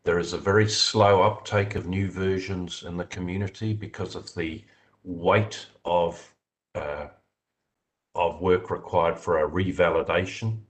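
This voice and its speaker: Low-pitched man, measured technical explainer on a video call; careful, filler-heavy. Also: fairly even intonation, rough recording. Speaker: software developer answering committee questions. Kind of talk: technical discussion in a video meeting.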